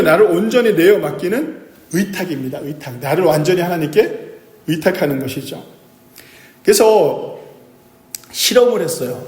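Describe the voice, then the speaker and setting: A pastor preaching a sermon, asking the congregation questions and answering them himself. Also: male voice, a little high, darkish tone. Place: church sanctuary. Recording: echoey church hall.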